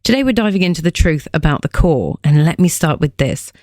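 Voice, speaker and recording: A woman's voice: sits low, expressive, brisk, darkish tone, no room sound. Punchy, playful female fitness coach with a dry sound. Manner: punchy, playful, joking asides. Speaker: fitness coach and podcast host. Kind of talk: scripted podcast explainer.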